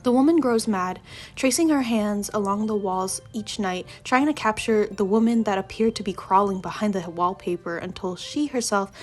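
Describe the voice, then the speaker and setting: Congested young woman reviewing books. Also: mid-range voice. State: congested from allergies. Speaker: book vlogger. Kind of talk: casual book review vlog.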